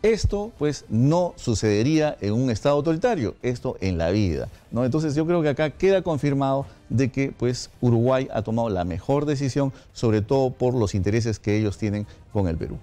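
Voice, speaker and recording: A man, a studio guest explaining legal points in measured answers with frequent hesitations. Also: medium pitch, expressive, dark tone, faint music behind. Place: radio studio.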